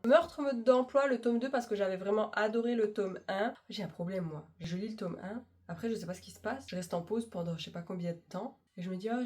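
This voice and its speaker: A woman's voice: mid-range voice, darkish tone. A young woman, chatting casually to camera as a book vlogger, gushing and self-mocking.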